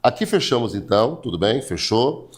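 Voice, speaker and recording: A Brazilian man with a Brazilian Portuguese accent teaches an online writing class in a very animated, mid-range voice at a moderate pace. He repeats key points, explains step by step and asks rhetorical questions, greeting viewers by name, reading their names out and blessing them.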